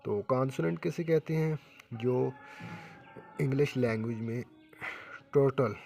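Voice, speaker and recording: A man's voice: mid-range voice, darkish tone. Man teaching English words, patient and repetitive. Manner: repeats words and asks questions then answers them himself; ends phrases with a checking "okay". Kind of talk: classroom-style lesson explaining vocabulary.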